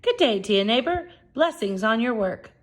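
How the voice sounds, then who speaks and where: A woman's voice: a little high, expressive, normal speed. A woman voicing a cocky, eager young man who thinks himself clever, in a storybook tale. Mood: sweet, polite. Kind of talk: storybook character voice.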